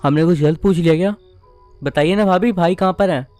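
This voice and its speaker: A man's voice: high-pitched, brisk, darkish tone, no room sound, soft background music, natural voice. A man voicing a young woman newly returned home from years abroad, affectionate, chatty and easily puzzled.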